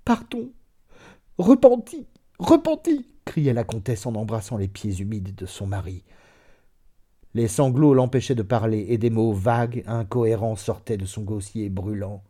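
A man narrates a classic novel with a steady, measured delivery. His voice is low-pitched and mellow, with a dark, relaxed tone. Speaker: audiobook narrator. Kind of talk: scripted literary narration.

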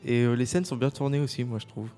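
A man's voice: medium pitch, fairly even intonation, fast talker, warm tone, faint music behind. A man reviewing a film, moving between prepared summary and casual discussion.

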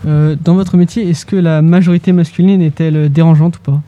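A man reading out prepared interview questions in a formal, halting way. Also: a little high, steady tone, mellow, dull audio.

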